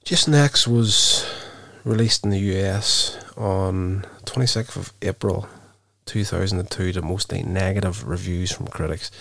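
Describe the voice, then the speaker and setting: Sick wheezy guy rambling on his podcast, low creaky chesty voice like he just got up, thinking out loud. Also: flat delivery, moderate pace, hardly any pauses, no room sound. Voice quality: wheezy, gravelly. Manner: hesitant, thinking aloud. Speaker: movie podcast host. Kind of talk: casual solo podcast talk, rambling film review.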